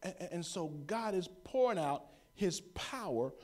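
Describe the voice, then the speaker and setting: Animated high-voiced preaching man. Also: moderate pace. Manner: animated preaching, drops to hushed tones, calls for amens. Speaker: pastor. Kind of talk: sermon.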